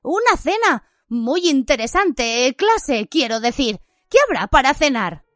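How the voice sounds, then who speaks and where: A woman voicing a frightened teenage wizard boy who stammers in a rushed, too-high voice. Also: big pitch swings, fairly bright tone, no echo, studio quality, heavily acted. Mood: nervous babble. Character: anxious shaken teenage wizard boy, nervously chattering.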